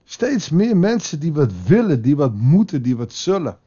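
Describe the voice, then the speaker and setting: A man's voice: on the high side, very animated, normal speed, warm tone, breathy edge, muffled recording. A man preaching a devotional sermon in a conversational way, now and then acting out quotes with a raised voice. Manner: conversational, with dramatic acted quotes. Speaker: pastor.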